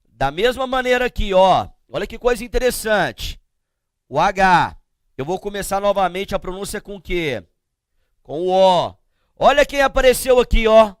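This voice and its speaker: A middle-aged male teacher with a Brazilian accent lectures on grammar in a high, smooth, clear voice. He speaks slowly and emphatically, asking rhetorical questions and counting out letters one by one. The recording is dry and close, with no room sound. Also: no room sound. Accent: Brazilian Portuguese. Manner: asks the class questions and answers them himself.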